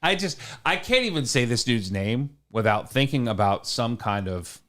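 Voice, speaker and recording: Podcast co-host, male, mid-pitched, talkative and rambling, teasing banter. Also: very animated, normal speed, a bit bright. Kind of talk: casual sports chat.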